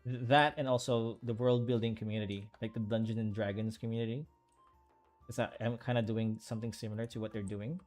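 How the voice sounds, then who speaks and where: A man's voice: on the low side, little pitch movement, darkish tone, soft background music. Rambling man chatting on a livestream. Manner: rambling, halting, with many fillers and restarts. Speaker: artist streaming while drawing. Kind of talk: casual livestream chat.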